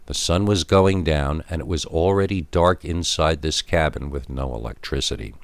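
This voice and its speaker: In a rumbling low voice at a moderate pace, a man narrates a scripted first-person scary story expressively and emphatically, drawing out key words, with no echo.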